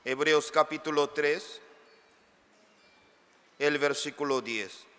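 A man preaching as a pastor, slow and emphatic with sudden loud rises. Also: on the high side, clean tone, long reverb tail. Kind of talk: sermon.

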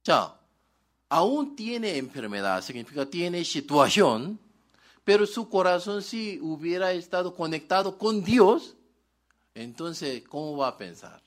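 A man's voice: on the high side, very animated, slow pace. A male pastor preaching a sermon in broken, article-dropping Spanish, asking the congregation questions and answering them himself.

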